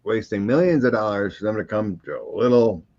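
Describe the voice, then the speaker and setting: Man, low voice, relaxed tarot reading, casual chat, muffled lo-fi audio. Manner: relaxed, halting, with fillers. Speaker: psychic co-host reading tarot. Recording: dull lo-fi audio.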